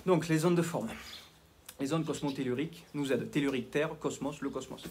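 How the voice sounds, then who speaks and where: A man's voice: a little high, a little fast, a little mellow, a little hiss or hum. A man with a southwestern French accent, a health coach talking to camera in a rambling, self-mocking, digressive way. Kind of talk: casual talking-head monologue.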